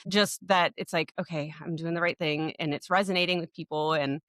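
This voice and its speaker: Woman co-host, slightly low voice, dry close mic, loose rambling storyteller. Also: steady tone, brisk, fairly bright tone, no echo. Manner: rambling storyteller, many restarts and fillers. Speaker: podcast co-host. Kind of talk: casual podcast chat.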